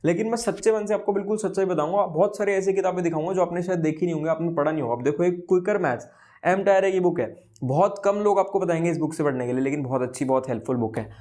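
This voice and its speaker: A man's voice: fairly high pitch, a little mellow. A young man giving exam preparation advice as a tutor, earnest and repeating his promises.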